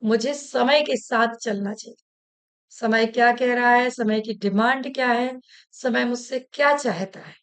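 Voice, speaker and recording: A woman's voice: a little high, a little slow, close to an everyday voice. A woman voicing a stern traditional mother-in-law, an older woman who scolds and harks back to the old days. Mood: wise.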